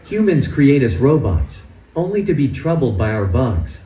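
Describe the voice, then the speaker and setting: A synthetic male voice playing a grumpy, sarcastic robot assistant, with a dry, mock-theatrical delivery, heard through a loudspeaker in a large hall. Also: mid-range voice, sing-song, moderate pace. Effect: synthetic text-to-speech voice.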